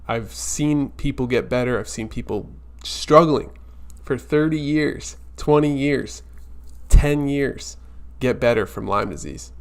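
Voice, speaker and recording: A man's voice: mid-range voice, slow. A man hosting a weekly live stream, talking casually and earnestly, reassuring viewers directly.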